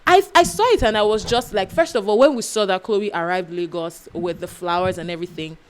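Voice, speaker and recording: A young woman from Nigeria with a Nigerian accent, co-hosting a casual chat podcast, animated and laughing, slipping into pidgin. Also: medium pitch, fairly quick, a little hiss or hum. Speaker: podcast co-host.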